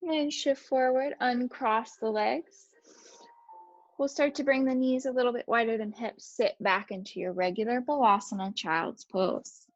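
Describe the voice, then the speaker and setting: A woman instructor calmly guiding a gentle yoga class, cueing each breath and movement. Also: on the high side, a little slow, no echo, highs cut off, soft background music.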